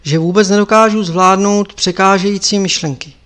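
A man's voice: high voice, steady tone, a bit bright, clear, resonant tone, pitched above the performer's own voice. A man voicing an ashamed young monk pupil. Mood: troubled. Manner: subdued, complaining.

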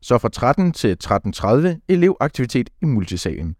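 A man's voice: medium pitch, big pitch swings, darkish tone, dry recording, clean studio sound. A young man co-hosting a podcast in casual chat, blunt and teasing with his friend. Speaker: podcast co-host.

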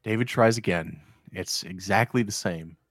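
A man's voice: sits low, moderate pace, no echo, studio quality, soft background music. A man reading screenplay stage directions aloud as an amateur narrator. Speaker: amateur script reader.

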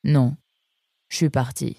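A woman voicing a calm young female fox in a children's storybook, speaking in a dry, matter-of-fact way. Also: very deep voice, takes it slowly, creaky, dry recording, full character voice.

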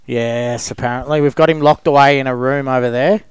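A man's voice: mid-range voice, fairly even intonation, fairly quick, clear, resonant tone, dry recording. An Australian man co-hosting a footy show, chatting casually in a laid-back, matey way with plenty of local slang. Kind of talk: casual sports banter.

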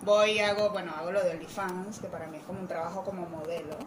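A young woman in casual conversation, telling things about herself in an informal, animated way. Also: on the low side, fast talker, crowd noise. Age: young adult. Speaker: podcast guest. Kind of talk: casual chat. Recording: echoey room, clear background noise.

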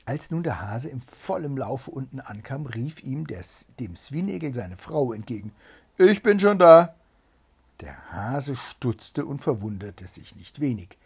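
Gravelly man reading a fairy tale. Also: mid-range voice, unhurried, hardly any pauses. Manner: lively, animated storytelling. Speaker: storyteller.

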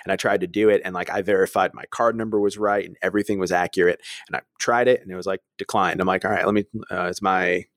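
Low-voiced man telling stories animatedly. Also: quick pace, few pauses, no echo, studio quality. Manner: animated storyteller, acts out voices, laughs often. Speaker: podcast co-host. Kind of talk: casual chat, storytelling.

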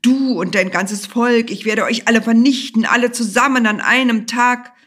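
A woman voicing a cruel, hot-tempered vizier who shouts his threats. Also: fairly high pitch, fairly even intonation, moderate pace, voice pushed up. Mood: furious.

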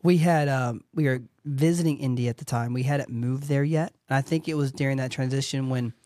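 A man's voice: medium pitch, fairly quick, no room sound, studio quality. A man co-hosting a casual podcast, telling family stories with lots of laughter. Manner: animated storyteller, laughs often. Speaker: podcast co-host. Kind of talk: casual chat.

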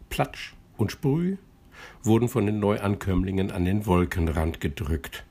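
A man reading a bedtime story aloud in a calm, gentle, measured way. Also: lowish voice, breathy edge.

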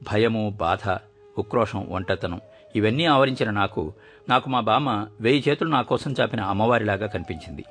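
A man reading a short story aloud as narrator, telling it in a measured, expressive way. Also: lowish voice.

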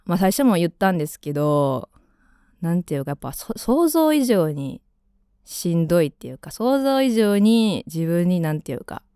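Kansai girl in her 20s chatting on the radio, low voice, jumps all over in pitch, dry studio. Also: big pitch swings, normal speed, warm tone, smooth, no room sound. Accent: Kansai Japanese. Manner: chatty, rambling, with frequent fillers. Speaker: radio host. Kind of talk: casual radio chat.

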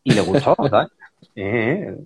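A man's voice: medium pitch, slow, gravelly, breathy edge. A man from Spain with a Spanish accent, chatting casually about singers he knows and acting out the conversations, with "tío" in nearly every sentence. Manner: animated storytelling, acts out quoted dialogue, says "tío" constantly. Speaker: musician guest. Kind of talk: casual chat.

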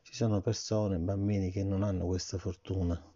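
A middle-aged man reading a bedtime story aloud to his son and gently, patiently asking him questions about it. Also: low-pitched, little pitch movement, normal speed. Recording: dull lo-fi recording.

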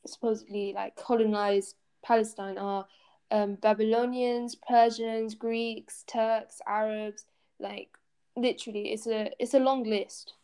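A woman co-hosting a casual discussion, speaking hesitantly in short phrases with pauses. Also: a little high, a little mellow, smooth. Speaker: co-host.

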